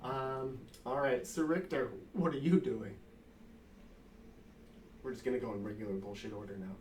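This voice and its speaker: A man narrating as game master in casual banter, laughing often and tossing in quick asides. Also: mid-range voice, steady tone, a little mellow, slight background noise.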